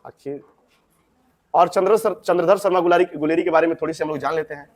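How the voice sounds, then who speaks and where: Male teacher, young adult, chatty classroom explainer, fairly high voice. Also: fast talker. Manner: chatty, addresses students directly with asides. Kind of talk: explaining a Hindi story to students.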